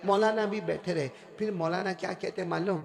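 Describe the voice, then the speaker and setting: A man preacher telling a story in a sermon to a gathering, swinging between shouted lines and low asides and calling on the crowd to respond. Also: steady tone, creaky. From South Asia.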